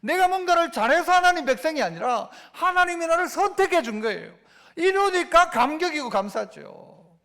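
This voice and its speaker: High-voiced older pastor preaching. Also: male voice, normal speed. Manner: animated preaching, asks the congregation questions. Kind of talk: sermon.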